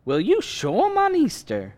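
An actor playing a good-natured, bumbling young husband with an eager, boyish manner in a radio comedy. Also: male voice, sits high, wildly swooping pitch, moderate pace, darkish tone, no echo. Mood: fond, eager. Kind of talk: old-fashioned radio comedy acting.

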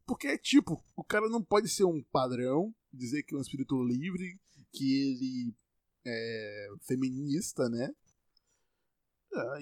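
A man's voice: medium pitch, a little mellow, no echo. Profane young Bahian man, dry sound. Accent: Bahian Brazilian Portuguese. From Bahia, Brazil. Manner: blunt, profane, ranting. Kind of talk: casual monologue to camera.

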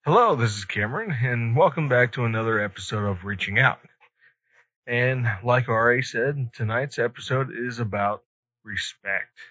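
A man's voice: mid-range voice, unhurried, pushed and bright, no room sound. A man hosting a podcast in casual chat, speaking somewhat hesitantly in short, tentative phrases. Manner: hesitant, brief tentative replies. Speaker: podcast host. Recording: dull, dry lo-fi audio.

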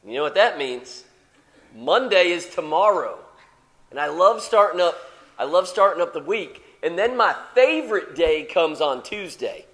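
A man preaching a sermon in a church, playful and animated, moving from soft asides to excited outbursts. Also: a little high, a little slow.

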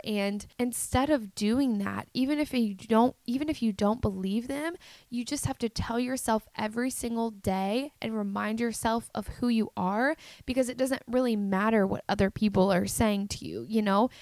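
A young adult woman with a fairly high, slightly mellow voice shares a personal story with her viewers, and there's no room sound. The vlogger speaks earnestly and confessionally, her talk packed with "like" and "um."

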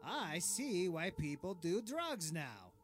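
A man's voice: sits high, takes it slowly, music in the background, heavily acted. A man playing a pompous, clueless tyrant king. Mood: smug, deadpan. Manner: deadpan diary reading, pompous and clueless. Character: vain, oblivious, cruel male dictator king. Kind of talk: comedic diary narration.

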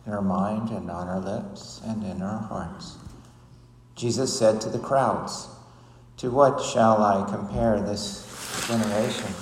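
A man serving as priest, reading the gospel and preaching a homily in a measured way with some hesitant fillers, his voice ringing with cathedral echo. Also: on the low side. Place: large church. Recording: echoey church hall with long reverb.

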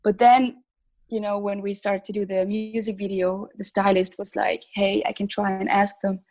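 A young woman from Switzerland, a singer, answering interview questions casually with many pauses and little laughs. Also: medium pitch, level tone, darkish tone, low-quality recording. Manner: hesitant, many ums, laughs between thoughts. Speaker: singer, podcast guest.

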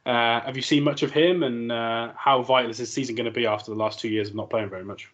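A man's voice: mid-range voice, steady tone, quick pace, fairly bright tone, lo-fi sound. A man hosting a casual sports podcast, chatty and full of fillers as he asks questions. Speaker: podcast host.

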